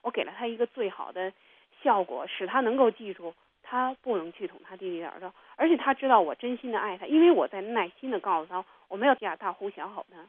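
A woman's voice: mid-range voice, animated, fast. Earnest woman telling a story, tinny sound. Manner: earnest storytelling, acting out her children's voices. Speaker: interview guest. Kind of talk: personal testimony on a radio program. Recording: tinny phone-like radio sound.

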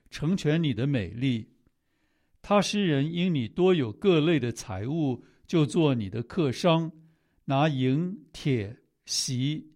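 A man reading scripture aloud in a steady, measured way. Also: on the high side. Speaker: scripture reader.

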